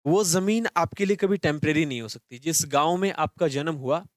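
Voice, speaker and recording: A young man teaching an English grammar class live online, talking fast and repeating questions back to the students. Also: a little high, no room sound, clean studio sound.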